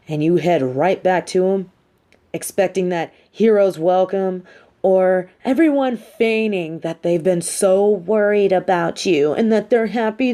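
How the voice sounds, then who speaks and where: In a scripted audio roleplay, a woman plays a coolly menacing supervillain who is manipulative yet sympathetic. Her fairly low, mellow, natural voice moves deliberately, laced with theatrical condescension.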